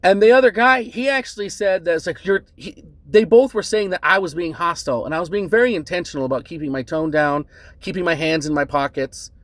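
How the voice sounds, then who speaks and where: A man calmly recounting a bad encounter as a customer, earnest and measured, often adding "right?" and "um". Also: high voice, no room sound. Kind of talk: casual spoken account to camera.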